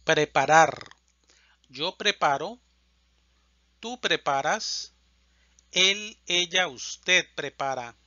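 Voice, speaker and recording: A man teaching Spanish, reciting verb conjugations in a slow, deliberate drill and stressing each verb form. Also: a little high, bright, forceful tone, no room sound, dull audio.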